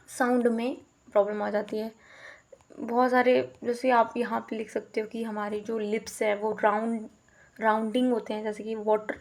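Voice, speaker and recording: A woman's voice: a little high, creaky, darkish tone. A young woman teacher giving an explanatory lecture, code-switching between Hindi and English and often checking in with the listener. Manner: explanatory, mixes Hindi with English phrases, frequent check-ins.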